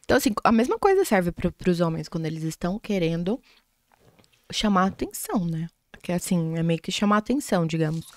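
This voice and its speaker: A young woman appears as a podcast guest, chatting casually in a lowish, sing-song voice that's a little fast and a little mellow, with no echo. She's chatty and playful, acting out little bits of quoted dialogue.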